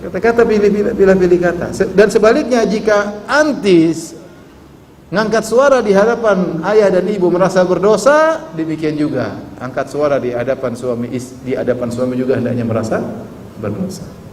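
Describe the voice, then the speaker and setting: A man's voice: high voice, normal speed, a little mellow, slight background noise. A man preaching a sermon to a live audience, teasing them with questions and quoting Arabic with a chanting lilt. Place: large hall. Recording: echoey hall with faint ambience.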